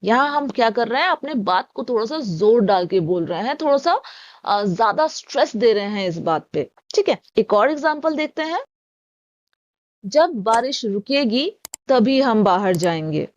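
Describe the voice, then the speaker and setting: Woman teaching English grammar slowly. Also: a little high, big pitch swings, highs cut off. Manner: explains patiently, reads example sentences slowly and deliberately. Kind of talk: spoken English lesson.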